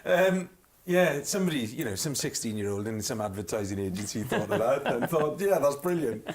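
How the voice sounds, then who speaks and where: A man's voice: medium pitch, expressive, brisk. A man with a Welsh accent, a singer guesting on a chat show, telling stories with lots of laughter. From Wales. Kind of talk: anecdotal chat show storytelling.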